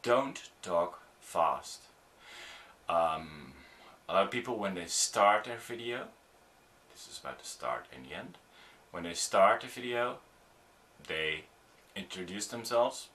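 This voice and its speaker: A man's voice: low voice, lively intonation, bright, forceful tone. A middle-aged man, giving an informal video tutorial on performing for the camera, with frequent ums and restarts. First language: Dutch. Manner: halting, many ums and restarts, demonstrative. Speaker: audiovisual producer teaching on-camera skills.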